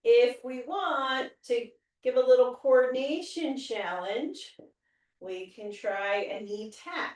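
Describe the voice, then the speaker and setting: A woman instructing a home workout, giving encouraging cues and countdowns as an exercise instructor. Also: a little high. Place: indoor room. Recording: very echoey room, distant microphone.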